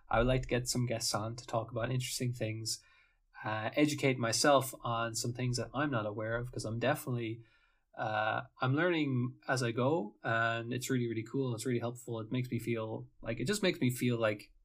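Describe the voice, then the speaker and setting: Guy rambling on his solo podcast, lots of ums, mid pitch voice. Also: a bit bright. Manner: rambling, tangent-prone, many fillers. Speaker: podcast host. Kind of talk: casual solo podcast monologue.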